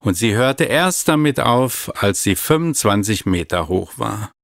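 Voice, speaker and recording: Man, low voice, children's story narration, calm, even, dry. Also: unhurried, vocal fry, no echo.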